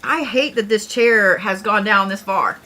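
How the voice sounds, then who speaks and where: Bright-voiced chatty woman host. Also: mid-range voice, a little slow. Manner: chatty, joking, swears casually, talks to viewers. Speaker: astrology livestream host. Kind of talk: casual livestream chat.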